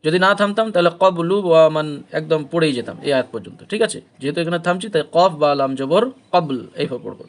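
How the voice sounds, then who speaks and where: A man with a Bengali accent teaching Quran recitation, who chants verses slowly with long drawn-out vowels and then explains pronunciation rules in quick spoken asides. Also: on the high side, animated.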